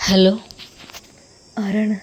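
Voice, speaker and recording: A woman doing a soft, grieving father. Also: mid-range voice, monotone, extremely slow, husky, heavily acted. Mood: soothing. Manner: soft, soothing, hushed. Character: gentle, grieving young father, soft-spoken.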